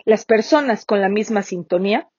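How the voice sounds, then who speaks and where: A woman's voice: mid-range voice, normal speed, darkish tone, dry recording, dull audio. A woman giving a motivational talk with storytelling, speaking directly to her listener.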